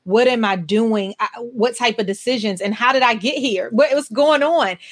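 A woman's voice: on the high side, normal speed. Earnest woman podcast host in her forties. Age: 40s. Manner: earnest, emphatic storytelling. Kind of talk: conversational interview.

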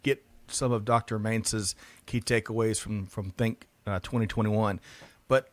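A man's voice: on the low side, steady tone, unhurried, dry recording. A man co-hosting an interview, politely asking questions and interjecting. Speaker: interview co-host. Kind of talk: conversational interview.

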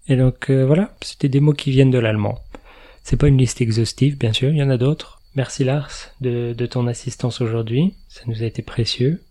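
A man's voice: mid-range voice, fairly even intonation, normal speed, dark tone. Chatty man hosting a podcast. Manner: chatty, laughs at his own remarks. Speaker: podcast host. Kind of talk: casual explanatory chat.

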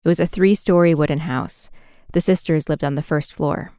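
A woman narrating a documentary podcast in a scripted, measured way. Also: deep voice, fairly even intonation, warm tone, clean tone, dry recording, clean studio sound.

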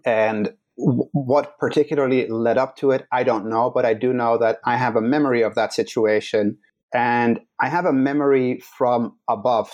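A man in his forties from the Netherlands, a podcast guest telling his own life story in an earnest, measured way with many pauses and restarts. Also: mid-range voice, darkish tone. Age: 40s. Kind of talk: reflective personal storytelling.

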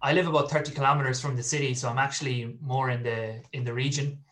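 Irish guy from out west, galway sort of accent, mid pitched voice, chatting away on a podcast as a guest. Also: steady tone, quick pace, fairly bright tone. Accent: west of Ireland. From Galway, west of Ireland. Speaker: podcast guest, football fan. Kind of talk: casual interview chat, telling personal stories.

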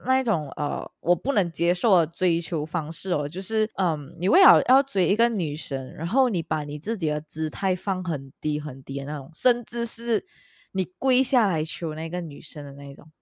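A woman's voice: fairly low pitch, animated, moderate pace, no echo, studio quality. A woman co-hosting a casual chat, telling a long story and dropping English words into her speech. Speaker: podcast co-host.

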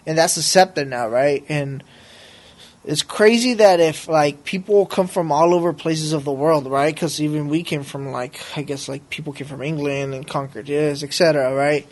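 A man's voice: on the high side, fairly even intonation, moderate pace. A man as a podcast guest, talking casually in a rambling, slangy way and often checking for agreement. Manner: slangy, rambling, peppered with bro and right. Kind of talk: casual conversation.

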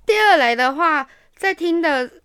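A woman's voice: extremely high pitch, unhurried, dry recording, studio quality. A woman, a podcast co-host frankly telling stories in casual chat. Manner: frank, animated storyteller.

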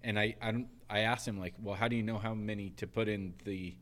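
A man with a fairly low voice hosting a casual podcast. He is relaxed and chatty, leading questions and telling stories at an easy pace. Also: brisk. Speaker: podcast host. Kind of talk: casual faith podcast chat.

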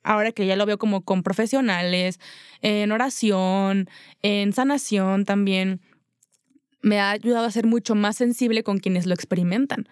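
A woman's voice: medium pitch, fairly even intonation, normal speed, smooth, no echo, clean studio sound. A woman with a Mexican accent speaking reflectively in a casual faith chat, sharing personal experience. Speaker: podcast co-host.

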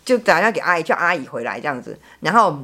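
Middle-aged taiwanese mandarin lady, blunt storyteller, kinda low voice, stumbles over words. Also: very animated, rapid-fire, bright, forceful tone. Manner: frank, blunt, swears and repeats words. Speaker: podcast guest. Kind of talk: personal storytelling chat.

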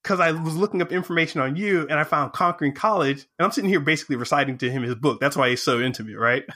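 Bright-voiced man telling a lively story. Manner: animated, acts out quoted dialogue with jumps in pitch; excited, fast bursts of speech. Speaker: guest. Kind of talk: casual storytelling.

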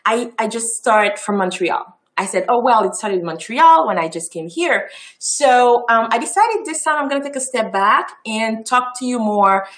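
A woman's voice: a little high, fairly bright tone. A woman from Haiti with a French and Creole accent, giving a chatty presentation full of ums and restarts. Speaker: festival founder giving a talk. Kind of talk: casual presentation talk.

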